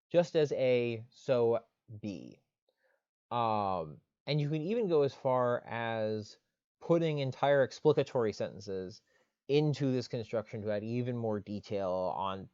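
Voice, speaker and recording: A man in a mid-range voice delivers a recorded lecture, explaining step by step and filling his pauses with "uh" and "um". The sound is dry and a little dull, with no room echo. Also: medium pitch, a little mellow. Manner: explanatory, frequent "uh" and "um" fillers.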